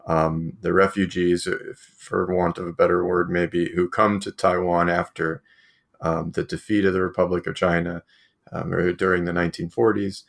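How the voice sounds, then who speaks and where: A man interviewing an author about his book, talking haltingly with many fillers and restarts. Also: deep voice, level tone, gravelly.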